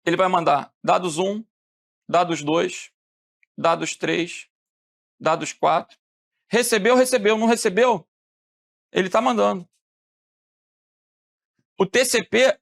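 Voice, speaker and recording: Animated male teacher lecturing. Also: high-pitched. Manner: animated, asks questions and answers them, acts out phone calls. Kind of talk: lively classroom lecture.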